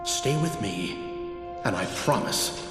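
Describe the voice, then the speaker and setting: An actor playing a weary, remorseful older alien general in a video game, grave, earnest and dramatic. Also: male voice, lowish voice, expressive, takes it slowly. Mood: pleading. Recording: echoey hall under loud music.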